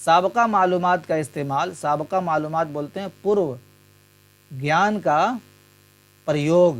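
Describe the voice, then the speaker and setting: A man working through past exam questions as a teacher, explaining terms step by step and giving Hindi and English equivalents. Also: on the high side.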